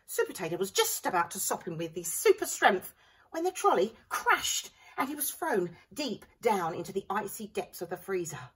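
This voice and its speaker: A primary school staff member reads a storybook aloud in a small indoor school library corner, her husky, medium-pitched voice animated, dramatic and expressive at a moderate pace. A camera a few feet away captures her, so the sound is slightly distant.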